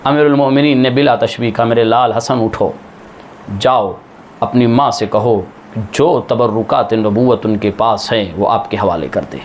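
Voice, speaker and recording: A man delivering a Muharram sermon as a religious scholar, reciting dramatically and acting out quoted speech with sudden high swells. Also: measured pace, slight background noise.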